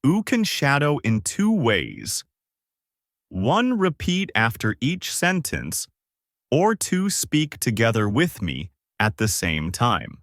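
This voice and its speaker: A man teaching English, speaking slowly and very clearly with emphatic delivery. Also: medium pitch, huge pitch swings, a bit bright, dry recording, clean studio sound. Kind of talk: slow instructional narration.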